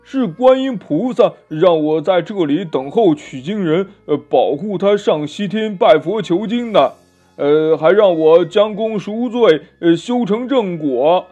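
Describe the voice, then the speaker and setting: A greedy pig demon, played by a male storyteller, whines and pleads in a high, swooping, mellow voice full of grunts. The storybook recording is dull and lo-fi, with faint music behind it. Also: lively intonation, measured pace. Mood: aggrieved. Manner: wheedling, whiny, full of filler grunts.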